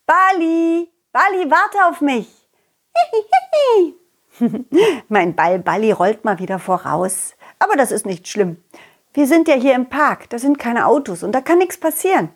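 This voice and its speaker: A cheerful, excitable young male dog from a children's audio story, put on by a woman. He speaks straight to the kids in a slow, breathy, sing-song way, his voice sitting fairly high and bouncing all over. Playful and easily thrilled. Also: full character voice.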